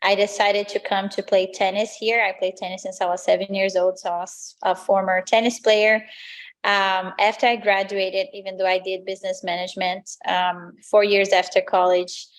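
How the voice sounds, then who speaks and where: A Brazilian woman, a native Portuguese speaker with a Brazilian accent, answers interview questions as a lifestyle coach on a podcast. Her voice is medium-pitched with a flat delivery at normal speed, and her manner is earnest and motivational.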